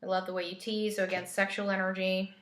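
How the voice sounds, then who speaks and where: A woman's voice: medium pitch, little pitch movement, quick pace, a bit bright, echoey room, slight background noise. A woman giving a casual spiritual tarot reading, chatty and coaching, laughing easily as she talks. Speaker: tarot reader.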